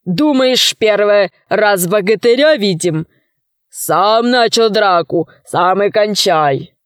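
A woman's voice: mid-range voice, animated, slow pace, clear, resonant tone, no room sound, studio quality. A woman voicing a sly, mock-polite male robber chief in a storybook reading.

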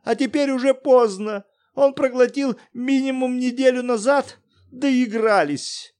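A man voicing an excitable middle-aged academic in an audiobook, theatrical and loud. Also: medium pitch, a little slow. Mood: alarmed. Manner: bellowing, theatrical, exclamatory.

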